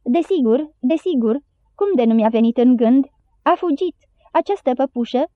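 A woman's voice: high voice, animated, no echo. A woman voicing a fretful, tearful old male doctor in an audiobook. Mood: excited. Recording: dry, tinny phone-like sound.

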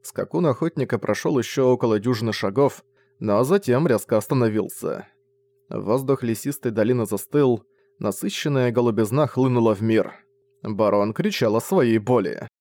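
A male narrator reading a dark fantasy audiobook in a steady, measured voice. His pitch sits in the middle range for a man, and his delivery is calm and unhurried. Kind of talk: scripted narration.

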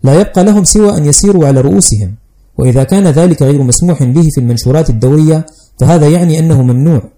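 A man's voice: a little high, racing, dark tone, natural voice. A man voicing a fussy, fearful older male schoolteacher who lectures anxiously and primly, in an audiobook reading. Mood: nervous lecturing.

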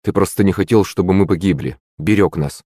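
A man reading an audiobook, voicing a bold, emotional teenage girl who talks quickly and excitedly. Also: deep voice, no room sound, studio quality. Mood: apologetic.

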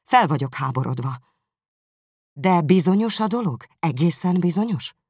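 A reader voicing a reserved gentleman in an audiobook, speaking low, restrained and formal. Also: animated, breathy edge, no room sound, clean studio sound. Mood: earnest. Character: reserved gentleman, shaken but composed.

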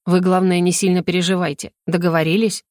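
A woman reading a calm reassuring man. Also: fairly low pitch, no room sound, clean studio sound, lightly acted. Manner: reassuring, brisk.

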